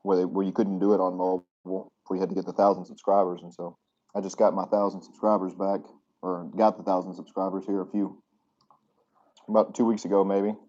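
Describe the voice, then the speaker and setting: Low-voiced man chatting over supper. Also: level tone, brisk, mellow. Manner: talks with his mouth full while eating. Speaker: channel host live-streaming. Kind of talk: casual live-stream chat. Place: hotel room. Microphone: phone. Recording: dull lo-fi phone audio.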